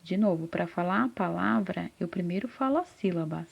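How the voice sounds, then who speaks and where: A woman teaching literacy to first graders in a slow, patient lesson, sounding out syllables and answering her own questions. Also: fairly low pitch, expressive, vocal fry, breathy edge. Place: classroom with a whiteboard. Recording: slightly dull, lo-fi sound.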